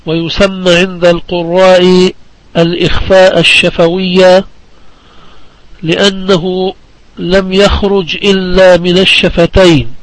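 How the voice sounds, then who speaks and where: A man from Palestine teaching the rules of Quran recitation in a deliberate classroom manner, repeating key phrases for his students. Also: high-pitched, level tone, no echo, low-quality recording. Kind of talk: religious lesson on recitation rules.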